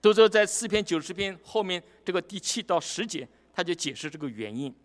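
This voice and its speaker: Preacher guy with a pretty high voice, explaining bible verses, reads them slow then asks the crowd questions. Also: expressive. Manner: expository, asks the listeners rhetorical questions; reads scripture verses slowly and deliberately. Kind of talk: sermon.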